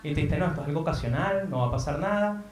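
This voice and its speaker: A man's voice: on the high side, lively intonation, very fast, roomy sound. Man, Venezuelan accent, stand-up crowd work, playful teasing, stage mic. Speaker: stand-up comedian. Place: theater in Madrid.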